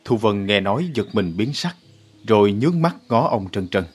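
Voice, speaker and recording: A man reading a story aloud with steady, measured narration. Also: lowish voice, breathy edge, soft background music.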